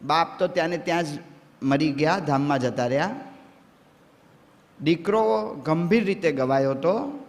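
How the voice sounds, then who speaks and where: Monk preaching in a reverberant hall. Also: male voice, fairly high pitch. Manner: slow, story-telling delivery with rising questions to the audience. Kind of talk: sermon with storytelling.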